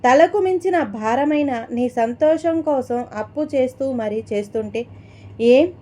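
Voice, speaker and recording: A woman's voice: high-pitched, lively intonation, unhurried. A woman voicing an angry, proud middle-aged mother who scolds her daughter in a spoken story. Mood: angry scolding. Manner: scolding, shouting.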